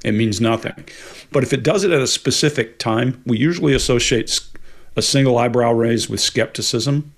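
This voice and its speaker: A man in his late fifties co-hosting a live Q&A over a video call, answering questions in a relaxed, explanatory way. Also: mid-range voice, moderate pace, vocal fry. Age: 50s. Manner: relaxed, explanatory, laughs easily. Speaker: co-host. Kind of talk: casual live Q&A chat. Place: home office with bookshelves. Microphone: video call webcam.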